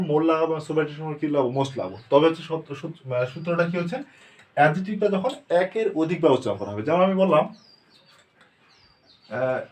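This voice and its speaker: A Bangladeshi man teaching English grammar, asking questions and answering them himself, sounding words out slowly. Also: fairly high pitch. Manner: asks and answers his own questions, slow word-by-word drilling. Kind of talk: spoken grammar lesson with questions to students.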